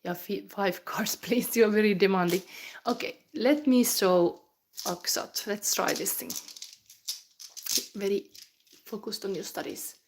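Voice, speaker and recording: Down with the flu, this Finnish tarot reader speaks in a mid-range, unhurried voice with long pauses and a faint hiss or hum in the background. Her live reading, in a Finnish accent, wanders with fillers and restarts and drops to whispers while she channels.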